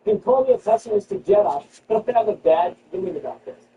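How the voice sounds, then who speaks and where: A man hosting a comedy show, riffing sarcastically on news items and jumping into high mock-outraged squeals. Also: very animated, fast, phone-quality sound. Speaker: comedy podcast host. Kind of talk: comedic news riff with retakes. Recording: distant mic with background noise.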